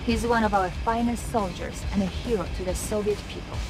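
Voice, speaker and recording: A woman's voice: medium pitch, a little fast, natural voice, low-quality recording. A woman playing a composed Soviet military intelligence officer giving scripted mission briefings in a video game. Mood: composed, businesslike. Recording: loud game music, vehicle noise behind.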